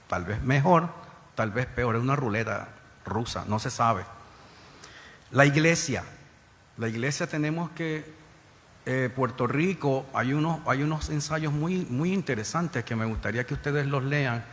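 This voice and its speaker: A man's voice: medium pitch, a little hiss or hum. A middle-aged man from the Bronx, a former federal agent, giving earnest public testimony to a panel with many repeated starts. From New York, Bronx. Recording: hall reverb with faint ambience.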